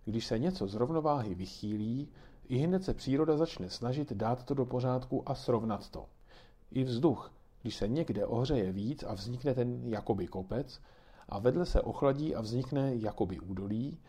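A man's voice: mid-range voice, mellow, lightly acted. A man reading aloud and voicing a kindly grandmother who patiently explains things to children.

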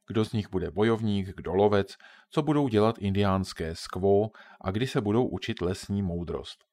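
A man narrating a children's adventure audiobook in a calm, even storytelling manner. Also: lowish voice.

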